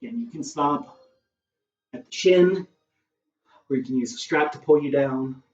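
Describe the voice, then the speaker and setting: A man teaching a beginner yoga class, giving calm, encouraging cues with casual asides and getting a little out of breath. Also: medium pitch, normal speed. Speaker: yoga instructor. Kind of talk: guided yoga class instruction. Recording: roomy, distant, dull camera audio with faint music.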